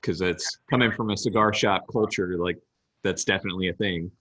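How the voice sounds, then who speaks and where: A man asking loose, quick questions with fillers as the interviewer in a casual chat. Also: deep voice, pushed and bright, dry recording.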